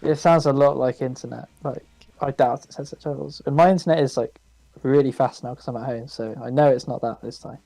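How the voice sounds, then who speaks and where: A man co-hosting a casual podcast chat over a voice call, talking quickly and chattily. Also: medium pitch, steady tone, gravelly, mellow, dry recording, rough recording. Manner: quick, chatty, laughs easily. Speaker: podcast co-host. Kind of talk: casual chat about a board game.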